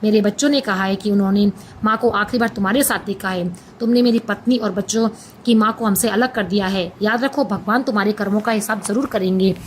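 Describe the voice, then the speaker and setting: A woman's voice: medium pitch, brisk, a little hiss or hum, natural voice. A woman voicing an exiled king and father who speaks in a firm, earnest way.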